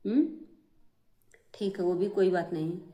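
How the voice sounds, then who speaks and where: Speaking to her viewers directly, a middle-aged woman airs emotional family complaints on camera, sounding aggrieved and going over the same points repeatedly. Her voice is fairly low, warm, and unhurried.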